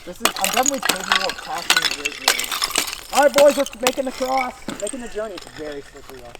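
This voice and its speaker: Excitable young guy on a frozen lake, noisy outdoors. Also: high-pitched, fast. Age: young adult. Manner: excitable, slangy, profane. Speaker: amateur vlogger out ice fishing with friends. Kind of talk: casual chat among friends. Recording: very noisy outdoor amateur video.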